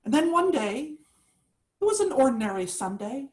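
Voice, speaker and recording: A woman minister giving a sermon in a lively, chatty and enthusiastic way. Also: sits high, normal speed.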